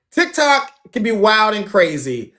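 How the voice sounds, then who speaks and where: A man's voice: high-pitched, sharp tone. A man hosting a dating show on a phone livestream, chatting casually, talking straight to viewers and laughing often.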